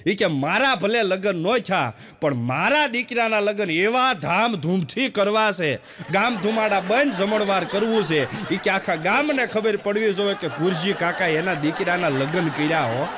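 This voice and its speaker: A man's voice: sits high, expressive, normal speed, background noise. A man delivers stand-up jokes on stage. He acts out the villagers and family in his stories with quoted voices. The sound carries a long hall reverb. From Gujarat, India. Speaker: stand-up comedian. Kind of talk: Gujarati stand-up joke telling. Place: stage show with a live audience.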